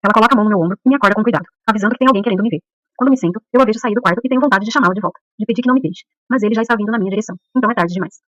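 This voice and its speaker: Fast-reading woman audiobook narrator. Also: mid-range voice, no room sound, low-quality recording. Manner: steady, quick reading. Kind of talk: first-person audiobook narration.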